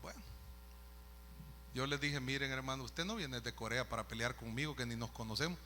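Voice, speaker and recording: A man's voice: medium pitch, fairly quick, pushed and bright, slight background noise. A man, a pastor telling a story in a sermon, conversational with asides to the listeners. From El Salvador. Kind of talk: sermon testimony.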